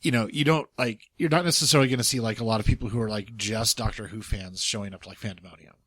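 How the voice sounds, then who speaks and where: Rambling young man, bright dry voice. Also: on the low side, fast, dry recording. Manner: rambling, hesitant, many restarts. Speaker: podcast co-host. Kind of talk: casual chat.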